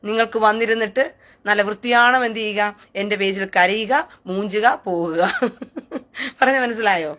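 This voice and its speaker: A woman's voice: medium pitch, moderate pace, a bit bright. A woman hosting a live stream, taunting and scornful, who keeps asking jeering questions. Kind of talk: mocking live rant.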